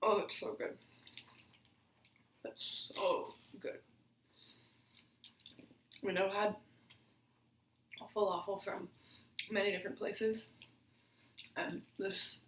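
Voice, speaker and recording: A woman chatting casually through a mukbang, rambling with lots of fillers between bites. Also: medium pitch. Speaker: vlogger. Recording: roomy, distant camera audio with faint hiss.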